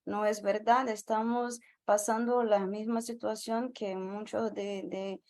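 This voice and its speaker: A woman from northeastern Brazil, a native Portuguese speaker with a Brazilian accent, gives a panel talk in a second language as an invited activist speaker. She speaks slowly and carefully, searching for words, in a medium-pitched, slightly mellow voice with flat delivery.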